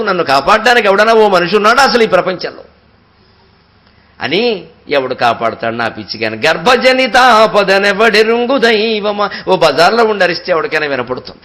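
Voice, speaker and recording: A man giving a devotional discourse, telling stories expressively and chanting verses slowly and at length. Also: high-pitched. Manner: expressive storytelling, slow drawn-out verse recitation. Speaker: spiritual discourse speaker.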